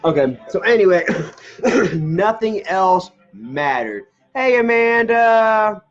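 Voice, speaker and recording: A man's voice: high-pitched, lively intonation, slow, muffled recording, faint music behind. A man chatting casually on his live stream, rambling through memories, laughing often and swearing as he eats. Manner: eating ice cream while talking.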